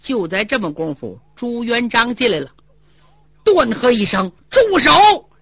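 A woman performs a traditional tale with animated, dramatic narration. Her voice is high and bright with lively swings of pitch, and the recording is dry and dull. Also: normal speed, breathy edge, dry recording. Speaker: storyteller.

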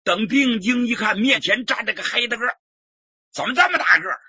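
A man performing a traditional story, lively and dramatic with colloquial asides. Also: very high-pitched, fairly quick, slightly rough, dry recording. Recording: dull lo-fi recording.

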